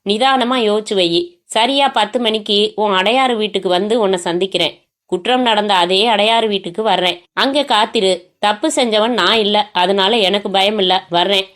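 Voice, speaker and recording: A woman's voice: mid-range voice, moderate pace, a bit bright, natural voice. Woman reading as a cold, taunting male kidnapper. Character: menacing male kidnapper on a phone line.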